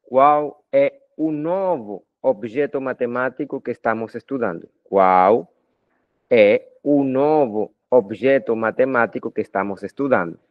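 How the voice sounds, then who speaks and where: A Colombian math lecturer gives a recorded video lecture to students in a medium-pitched, slightly slow voice. He's talkative and informal, tossing in frequent tag questions. The audio is dry, dull and lo-fi.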